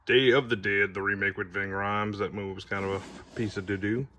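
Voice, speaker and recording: A man's voice: fairly low pitch, fairly even intonation, brisk, noisy background. A man giving a casual, rambling tour of his movie collection, with audible heavy breathing. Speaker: video collector showing his shelves.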